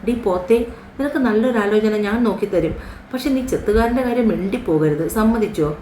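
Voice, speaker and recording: A woman's voice: mid-range voice, brisk, dark tone, slight background noise, voice pushed up, close to an everyday voice. A woman voicing a young woman who is a clingy, emotional sweetheart, speaking plaintively, recorded in a roomy room. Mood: scolding. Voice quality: plaintive, sulky.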